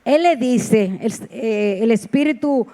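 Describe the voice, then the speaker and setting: A woman's voice: on the high side, lively intonation, slow pace, warm tone. A woman preacher giving a sermon in a heartfelt, personal storytelling manner, with repeated exclamations. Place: church sanctuary.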